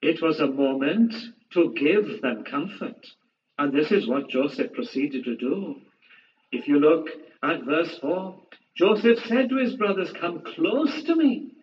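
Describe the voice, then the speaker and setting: A man delivers a sermon in a notably high voice, earnest and emphatic, hammering home repeated phrases. He speaks at a slow, deliberate pace. The recording is distant and dull, with a faint hiss underneath. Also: lively intonation, echoey room. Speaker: preacher.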